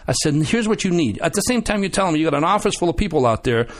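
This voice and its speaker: A man guest on a radio show, telling animated stories with many restarts and acted-out quotes. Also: a little high, racing. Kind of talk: casual storytelling chat.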